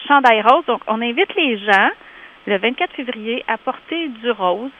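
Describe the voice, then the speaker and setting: A woman with a Québécois French accent calling in to a radio show for a community group, talking in a lively way with many hesitations. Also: a little high, a little slow. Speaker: community organization representative. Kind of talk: casual radio interview by phone. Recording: tinny phone line.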